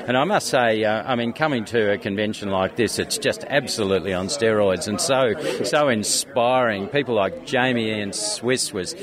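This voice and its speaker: This Australian man, who organises a skeptics convention, chats casually in an interview while the busy venue's crowd murmurs behind him. His voice is lowish and his speed normal, and his anecdotes ramble along hesitantly.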